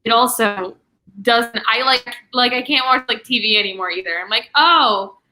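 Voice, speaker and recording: A woman's voice: on the high side, fairly even intonation, pushed and bright. A young woman hosting a casual livestream book discussion, chatty and full of "like" fillers. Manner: chatty, many "like" fillers, quick asides. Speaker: booktube host.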